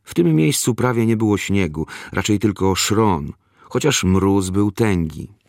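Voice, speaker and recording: A man reading a first-person memoir aloud in a measured, unhurried storytelling manner. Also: fairly low pitch, lively intonation, vocal fry, a little mellow, no room sound, clean studio sound. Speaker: narrator. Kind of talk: scripted memoir narration.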